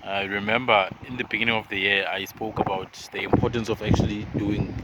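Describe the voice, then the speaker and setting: A man's voice: fairly low pitch, level tone, brisk. A man giving a casual motivational monologue, earnest and rambling, repeating words as he goes. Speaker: motivational vlogger. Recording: loud wind and boat noise outdoors.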